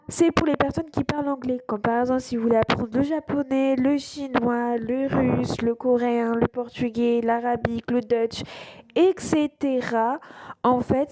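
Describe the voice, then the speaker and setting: A woman's voice: on the high side, darkish tone, no echo, rough recording. A woman hosting her own channel, casually walking viewers through an app over a screen recording, hesitant and full of fillers and restarts. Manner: keeps saying voilà. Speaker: YouTube channel host.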